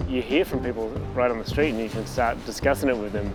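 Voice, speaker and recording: A calm Australian man talks about his street art in a measured way. His voice has a middle pitch. Loud music plays under his voice. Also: poor audio. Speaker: street artist. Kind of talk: documentary interview.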